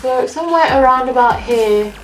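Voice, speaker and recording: At a moderate pace, a beauty vlogger chats through her makeup routine in a relaxed, friendly tutorial, her slightly high voice nasal and blocked from a cold. Clear background music fills the echoey room around her.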